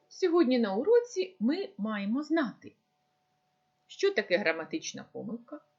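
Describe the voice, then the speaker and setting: A woman teacher giving a recorded lesson, speaking slowly and deliberately as if dictating. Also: a little high, darkish tone, dull audio. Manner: slow, deliberate dictation-like delivery.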